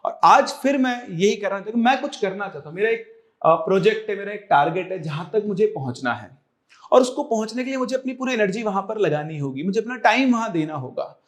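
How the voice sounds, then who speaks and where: A man's voice: high voice, lively intonation, fairly quick. A young man and coaching teacher explaining a career decision to viewers, earnest and reassuring, slipping English phrases in. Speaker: online exam coaching teacher.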